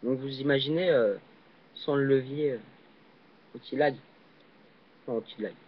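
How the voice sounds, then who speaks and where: A young man casually commenting while he plays a video game, hesitant and full of fillers, with sudden excited yelps on jumps. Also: mid-range voice, normal speed. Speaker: gaming channel host. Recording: dull lo-fi recording.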